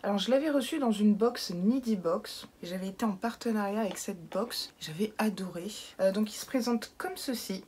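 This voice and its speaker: A woman's voice: mid-range voice, normal speed, few pauses, a little mellow, a little hiss or hum. A woman with a French accent chatting casually and playfully as a beauty vlogger, reviewing her makeup collection. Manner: chatty, playful, self-mocking with invented words.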